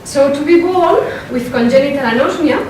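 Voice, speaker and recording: A philosopher with a strong Spanish accent gives a measured, careful workshop talk, slipping into hesitant fillers when she goes off script. Her slightly high, a little mellow voice is picked up from a distance in a very echoey lecture hall. The recording is clearly noisy.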